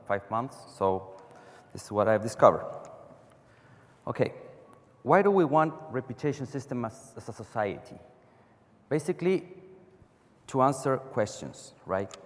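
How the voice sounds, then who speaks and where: A man's voice: medium pitch, lively intonation, moderate pace, long pauses. Chilean man speaking in an echoing hall. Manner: non-native phrasing, frequent restarts, rhetorical "right?". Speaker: conference speaker. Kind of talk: technical conference talk. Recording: long reverb of a large hall.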